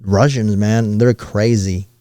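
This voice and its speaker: A man's voice: on the low side, fairly even intonation, takes it slowly, warm tone, dry recording. A young man co-hosting a podcast in casual chat, tossing out jokes and rambling questions. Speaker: podcast co-host.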